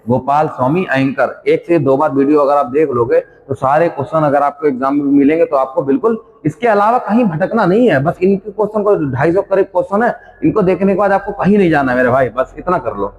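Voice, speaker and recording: A man with a slightly high voice runs a quiz-style exam revision lesson. He reads each question with its options aloud, repeats it, then gives the answer. The recording sounds dull, with a long hall reverb. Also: fairly quick. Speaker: exam coaching teacher.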